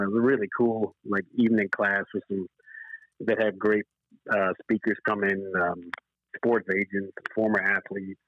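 The guest is a man in his forties who works in horse racing, originally from Zimbabwe and living in California since he was eight. His fairly low voice comes through a boxy, echoey, band-limited remote call with the highs cut off. He talks earnestly and reflectively in stop-start phrases during a relaxed interview.

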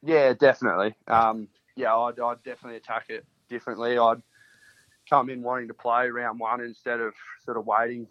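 A man's voice: mid-range voice, little pitch movement, brisk, dry recording, muffled recording. A man in his early twenties from country Australia, with a laid-back, laconic Australian drawl, answering casually as a footballer in an interview. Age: early 20s.

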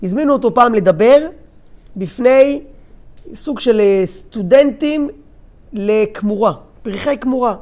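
Male Torah teacher, storytelling lesson, animated, hesitant fillers, loud character quotes, hushed solemn moments. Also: very high-pitched.

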